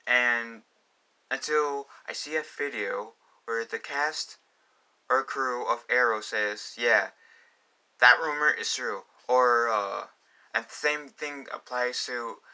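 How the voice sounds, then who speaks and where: A man's voice: mid-range voice, takes it slowly, pushed and bright. A young man talking casually in a fan vlog, rambling with many fillers and restarts. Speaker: vlogger.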